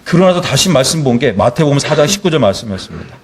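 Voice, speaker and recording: Delivering a sermon, a middle-aged missionary relates a personal story as an animated storyteller, performing each line of dialogue. His mid-range voice races along against slight background noise.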